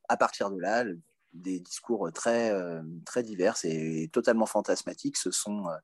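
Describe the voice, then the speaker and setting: A man's voice: fairly low pitch, a little mellow, husky, no echo, studio quality. A man reviewing a documentary in a casual chat, hesitant with many fillers.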